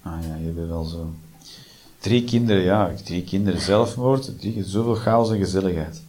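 A man doing a stand-up comedy routine, mixing deadpan dark jokes with sudden shrieked voices. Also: sits low, moderate pace.

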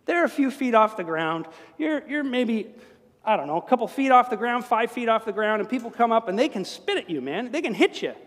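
A male pastor preaching a sermon in a church, talking in a conversational, animated way with humorous asides. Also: very high-pitched, a little fast. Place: church sanctuary. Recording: long church reverb.

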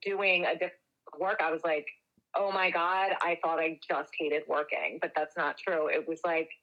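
A young adult woman chatting casually as podcast co-host, heard over a speakerphone, relaxed and swearing offhandedly. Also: sits low, normal speed, dull audio. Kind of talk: casual chat.

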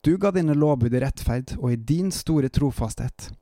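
A man reading psalm verses aloud in a calm, measured way, stopping now and then for short devotional reflections. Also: mid-range voice, dry recording, clean studio sound. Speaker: Bible reader and preacher. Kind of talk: Bible reading with devotional commentary.

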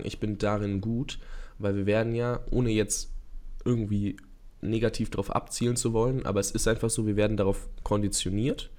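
A young man around twenty speaks as a guest in a podcast interview, earnest and eager, running his thoughts together with plenty of fillers. His voice sits fairly low. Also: a little mellow. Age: young adult. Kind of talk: casual interview talk.

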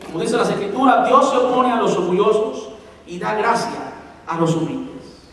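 High-voiced preacher in an echoey hall. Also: male voice, expressive, normal speed, fairly bright tone, recorded from a distance, slight background noise. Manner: explains points and repeats them for emphasis. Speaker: pastor. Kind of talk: sermon.

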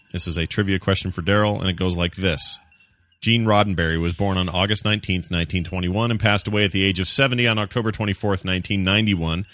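A man co-hosting a casual talk show, joking and reading out trivia in quick banter. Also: deep voice, a bit bright. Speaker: podcast co-host. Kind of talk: casual chat.

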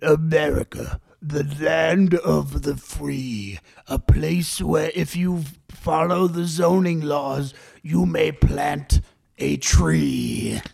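An odd, dithering guest poet, as a man puts him on, reciting at a crawl. His voice is heavily gravelled and husky, with a dry close sound. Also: on the high side, darkish tone, no room sound, exaggerated voice. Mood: solemn. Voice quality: gravelly, slow and halting.

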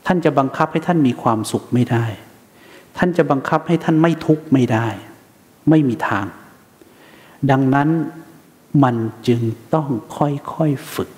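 A man's voice: on the high side, normal speed, long pauses, darkish tone, long reverb tail. A man teaching a Buddhist dharma talk in a conversational manner, asking rhetorical questions and acting out the voices he quotes.

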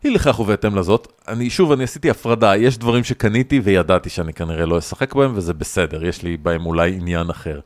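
A man co-hosting a casual podcast chat, talking in a wry, deliberate way. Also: low-pitched, dry recording, studio quality. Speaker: podcast co-host.

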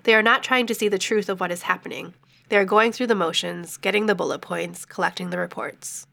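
A woman working in social services, speaking firmly and in a measured way in an interview. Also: mid-range voice, gravelly, sharp tone.

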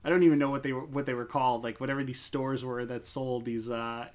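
A man's voice: mid-range voice, fairly even intonation, fast. A middle-aged man hosting a casual podcast chat, hesitant, with lots of "uh" and restarts. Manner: hesitant, many fillers and restarts. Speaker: podcast host.

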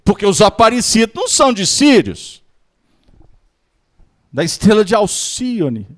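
A man leads a study class in a high, bright register. His pitch swings widely as he jokes and acts out little everyday scenes. The talk is lively and conversational. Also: a little slow. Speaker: lecturer of a Spiritist study group.

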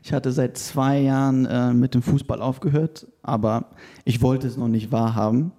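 Guy interviewing someone, mellow dark voice, mid pitch, casual chat. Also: steady tone, moderate pace. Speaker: interviewer, personal trainer.

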